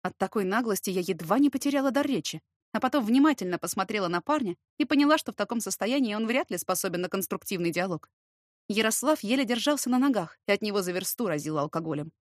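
A woman reading a novel aloud as a first-person narrator, steady and expressive. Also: medium pitch, quick pace, no echo, clean studio sound. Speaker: audiobook narrator.

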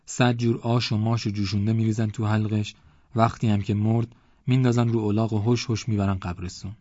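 A man voicing a loud, boastful village man who mocks and rants. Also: fairly low pitch, level tone, no echo, lightly acted. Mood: ranting. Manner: mocking, blustering, rambling complaints. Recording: dull lo-fi audiobook recording.

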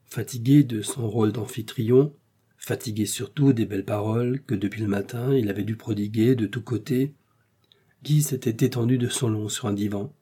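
A man narrating a classic novel in an even, measured reading. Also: lowish voice, husky. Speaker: audiobook narrator.

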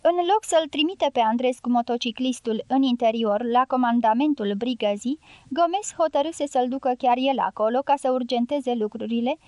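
A woman reads a novel aloud in steady, measured narration, touching the dialogue lightly without full character voices. Her voice sits a little high. The recording is dry and close, with no room sound. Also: no echo. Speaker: audiobook narrator. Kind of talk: scripted narration.

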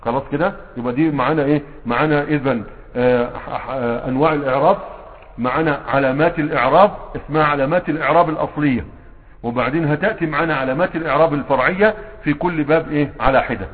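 A man with an Egyptian accent teaches a grammar lesson at a rapid clip, firing rhetorical questions at his students. His voice sits a little higher than most men's. The recording is thin and phone-like, with a long hall echo trailing behind him. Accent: Egyptian Arabic. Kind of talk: classroom lesson. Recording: tinny phone-like sound with long hall reverb.

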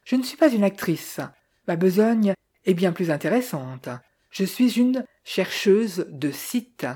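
A woman voicing a confident young woman, amused, storybook reading, mellow tone. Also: mid-range voice, lively intonation, takes it slowly, husky. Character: young woman, cheerful, self-assured, amused.

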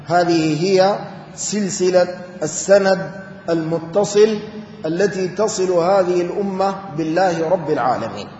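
A man's voice: high voice, measured pace, a little mellow. A man teaching a religious lecture on the Quran. He explains step by step, repeats key points, recites verses, and addresses his listeners as brothers. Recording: echoey hall, dull sound, faint hum.

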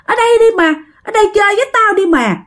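A woman's voice: very animated, fast talker, fairly bright tone, heavily acted. Woman doing a giggling ghost girl. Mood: taunting. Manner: high, wheedling, sing-song, laughing. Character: ghost little girl, eerie, taunting, giggling.

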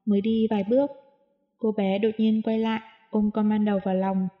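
A woman narrating a novel as an audiobook reader, reading in a steady, even way. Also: mid-range voice, fairly quick, phone-quality sound. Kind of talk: scripted narration.

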